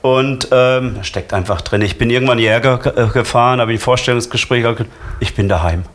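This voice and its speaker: A man from Lower Franconia, a guest chatting casually about carnival plans with many hesitations. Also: a little fast, fairly bright tone. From Lower Franconia, Germany. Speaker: carnival club member, guest. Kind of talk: casual radio chat.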